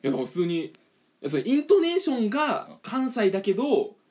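A man's voice: sits high, a little fast. A man from eastern Japan co-hosting a casual chat show, telling a story with lots of energy and acting out other people. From Kanto region of Japan. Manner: animated ranting storyteller, acts out customers. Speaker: podcast co-host.

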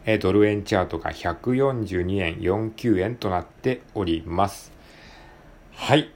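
A man hosting his own podcast, talking alone in a polite, relaxed way with many drawn-out fillers. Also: low voice. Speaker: podcast host. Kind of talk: casual solo podcast talk.

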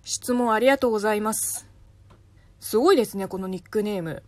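A woman's voice: fast talker, no room sound. A woman from China with a light Chinese accent, hosting a casual solo radio talk and answering listener questions with spoken examples. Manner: chatty, explains with spoken examples, lively pitch swings.

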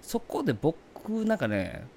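A man's voice: on the high side, wildly swooping pitch, slow pace, vocal fry, darkish tone. A man, a comedian, talking through his career in a polite, chatty podcast monologue.

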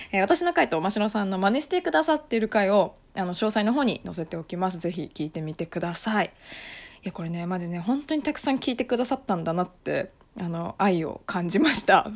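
A young woman talks alone into her podcast mic in a relaxed, chatty way, laughing often and filling her pauses with soft little fillers. Her pitch swoops up and down a lot, giving her talk a lively, animated feel. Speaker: podcast host. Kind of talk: casual solo podcast chat.

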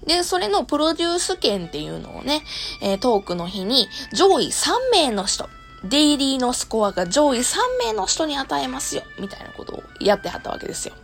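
A Kansai Japanese woman with a high voice, hoarse and worn from long streaming, talks casually and solo to her listeners as host of an audio talk show and live streamer. She's very animated and brisk and laughs often, with soft music in the background.

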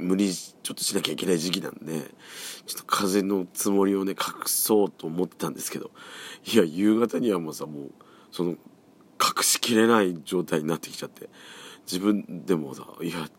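A hoarse man around forty with a cold, hosting a casual solo podcast, chatty and rambling, often letting his voice drop and trail off. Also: sits low. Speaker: podcast host.

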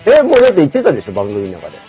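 A man's voice: on the high side, wildly swooping pitch, racing, warm tone. A man in his twenties co-hosting a casual podcast, chatty and laughing often, reading a news ranking with many fillers. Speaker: podcast co-host. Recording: dull lo-fi online audio with faint music.

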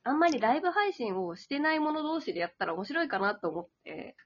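A woman's voice: sits high, sing-song, fast. A young adult woman hosting a casual chat, laughing often and acting out quoted reactions. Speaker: podcast host. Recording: dull lo-fi audio.

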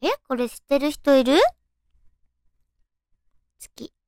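A woman with a naturally high, cute anime-girl voice hosts a solo radio-style show, talking in a girlish, expressive way. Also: slow pace, no echo, clean studio sound. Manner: cutesy, girlish, expressive delivery. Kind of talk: solo radio-style chat, reading trivia with casual reactions.

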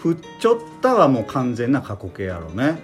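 Man with a Tosa accent, chatting casually. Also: medium pitch. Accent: Tosa dialect. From Kochi, Japan. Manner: relaxed, halting, many fillers, explains words. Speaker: podcast co-host. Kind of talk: casual conversational chat. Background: soft guitar music.

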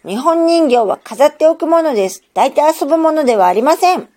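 A woman voicing a stern, frightening older lady who loudly scolds a child in a storybook reading. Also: lively intonation, a little fast. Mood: scolding. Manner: shrill, scolding, loud.

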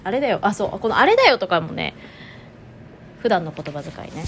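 A woman's voice: on the low side, lively intonation, moderate pace, gravelly, slight background noise. A woman with a Toyama accent hosting her own internet radio show, casually musing aloud and amused at herself. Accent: Toyama Japanese. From Toyama, Japan. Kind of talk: casual solo talk.

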